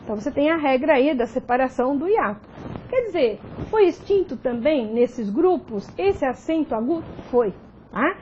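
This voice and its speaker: A woman's voice: high voice, big pitch swings, normal speed, darkish tone, muffled recording, a little hiss or hum. A Brazilian woman teacher giving a recorded grammar video lesson, explaining step by step and often checking in with tag questions. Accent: Brazilian Portuguese.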